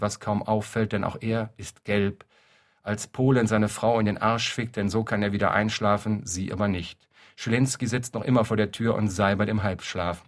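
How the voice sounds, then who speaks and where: Deadpan low-voiced male story reader. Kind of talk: literary reading.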